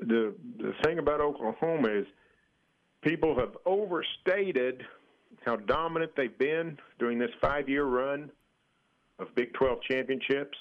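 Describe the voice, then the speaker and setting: A dull, band-limited radio line carries an American man's voice. He gives sports analysis as a guest, measured and matter-of-fact, pausing as he reasons. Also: mid-range voice.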